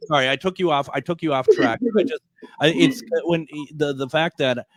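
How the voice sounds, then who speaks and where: A man's voice: a little high, steady tone, a little fast, dry recording. Man in his fifties hosting radio, rambling and jokey, dry close sound. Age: 50s. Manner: rambling, many restarts, jokey. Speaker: radio show host. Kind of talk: casual interview chat.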